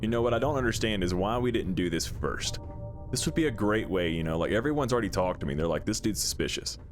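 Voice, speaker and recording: A man's voice: fairly low pitch, lively intonation, fast talker, music in the background. A man giving casual, irreverent gameplay commentary as a video host, blunt and slangy.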